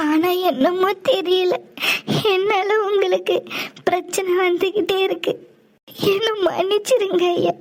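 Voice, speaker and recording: A woman voicing a loyal young servant woman in a cartoon, tearfully apologizing in a very high voice. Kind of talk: cartoon voice acting.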